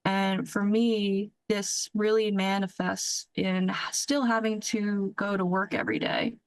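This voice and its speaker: A woman's voice: mid-range voice, little pitch movement, unhurried, clean tone, no room sound, low-quality recording. A young woman, an active duty Air Force lieutenant, answering in a news interview, earnest and careful with frequent restarts.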